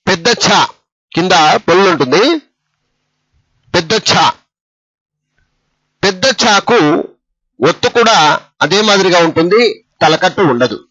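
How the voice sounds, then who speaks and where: A man teaches letters one by one in a slow, patient way, repeating each letter twice. His voice is bright and a little husky, and it rises and falls a lot. The sound is dry and dull, like a lo-fi recording. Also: high-pitched, animated, dry recording. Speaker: Telugu script teacher. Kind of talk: slow step-by-step lesson.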